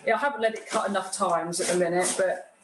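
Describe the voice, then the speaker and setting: A woman's voice: fairly low pitch, steady tone, brisk. A woman giving an informal hands-on demonstration, explaining each step in a plain-spoken way. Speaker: guest craftsperson demonstrating a cutting machine. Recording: roomy echo with clear background noise.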